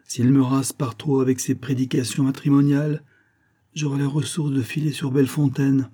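A man's voice: mid-range voice, level tone, moderate pace, dark tone, husky, voice pushed up, close to an everyday voice. A man voicing a wry, teasing thirty-year-old. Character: easygoing joking man of thirty, former prankster.

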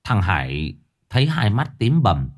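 A man narrating a spooky folk tale in an expressive, lively way. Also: fairly low pitch, unhurried. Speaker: storyteller.

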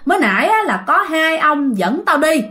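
A woman's voice: extremely high pitch, animated, brisk, bright, forceful tone, voice pushed up, full character voice. A woman voicing a cranky bedridden old man who has come back from death and scolds his children. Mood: angry.

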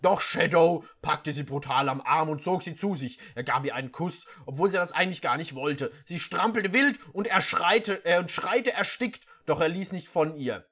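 A reader performing a comedic reading of bad fan fiction, breaking off for sarcastic, deadpan asides. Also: mid-range voice.

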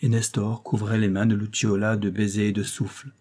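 A man reading a romantic tale aloud as an expressive audiobook narrator, lifting his voice for the dialogue. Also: on the low side, fairly quick, slightly rough.

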